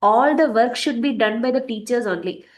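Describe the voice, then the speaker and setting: A woman's voice: a little high, normal speed. A woman moderating an online session, politely reading out teachers' questions. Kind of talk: online webinar Q&A.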